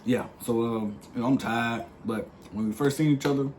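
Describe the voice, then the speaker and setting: A young man casually telling the story of how he met his partner, in a playful, slangy, animated way. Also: medium pitch, moderate pace, a little hiss or hum. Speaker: vlog co-host.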